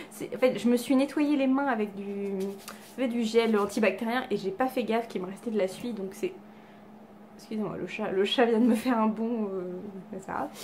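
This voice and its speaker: At home with her cats nearby, a beauty vlogger chats casually to the camera about her makeup haul, full of self-deprecation, fillers and restarts. Her voice is fairly high and a little mellow, with a faint hiss or hum in the recording.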